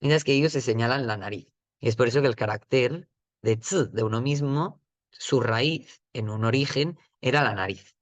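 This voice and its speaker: A man's voice: mid-range voice, moderate pace, no echo. Man teaching patiently in a dry room. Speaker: Chinese teacher. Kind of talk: explanatory lesson.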